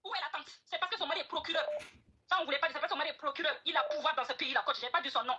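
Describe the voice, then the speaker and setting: Fast, high-pitched woman arguing heatedly. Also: fairly even intonation, sharp tone, muffled recording. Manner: insistent, repeats herself, swears oaths. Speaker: guest speaker on a live stream. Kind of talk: heated live-stream argument. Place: at home, neighbours nearby.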